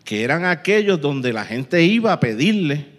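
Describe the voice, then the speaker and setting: A man preaches in a slightly high voice. He tells his story with animated sound effects and acts out the voices he quotes. Long reverb trails behind him in a big hall. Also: moderate pace. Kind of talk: sermon.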